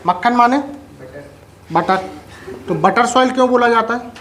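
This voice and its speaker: A teacher lectures a live class in a classroom, stopping often to quiz the students and check for doubts. The notes are dictated point by point for the class to write down. The voice sits at a middle pitch over a faint hum of background noise. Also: lively intonation, a little slow, fairly bright tone.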